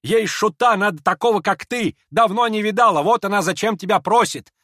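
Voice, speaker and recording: A man voicing a hot-tempered, proud older noblewoman who scolds in shrill, impetuous outbursts in a dramatized audiobook reading. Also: animated, normal speed, a bit bright, no room sound, studio quality. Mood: agitated.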